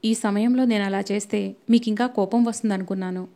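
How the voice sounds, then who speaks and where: A timid young wife from an audio novel, read by a woman. She speaks softly and falters, her voice anxious and unsure. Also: medium pitch, steady tone, brisk, natural voice. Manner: soft, hesitant, faltering.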